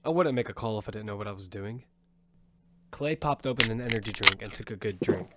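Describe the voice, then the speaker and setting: A man with a lowish, natural voice speaks a little fast as Damian, a young battle survivor and the story's lead, narrating in first person. His delivery is earnest, matter-of-fact, and steady, with a loud music score and heavy background noise behind him.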